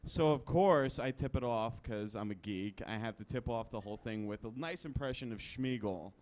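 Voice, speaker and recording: A young man doing a chatty, self-deprecating stand-up set on a comedy club stage into a handheld mic. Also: mid-range voice. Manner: quick, chatty, self-deprecating, jumping into voices.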